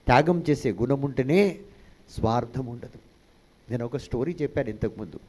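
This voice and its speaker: A man's voice: medium pitch, lively intonation, moderate pace, darkish tone. A male pastor preaching a sermon, calling out to the congregation for responses and dropping in English phrases.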